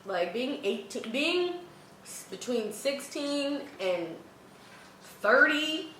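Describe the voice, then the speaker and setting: A young woman with a somewhat high, bright voice chats casually. Her delivery is blunt and slangy, full of little quoted asides. The sound is echoey, with faint noise behind her. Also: big pitch swings, slow. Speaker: mukbang co-host giving advice. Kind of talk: casual girl-talk chat.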